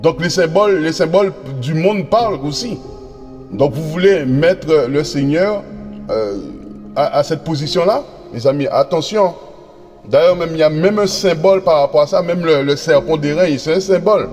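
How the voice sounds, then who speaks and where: A man with a slightly high voice preaches a sermon to his congregation, raising his voice a little and calling them brothers, sisters and friends. He reads scripture verses slowly and deliberately, stumbling over repeated words and fillers. A long reverb rings around his voice as soft music plays faintly beneath.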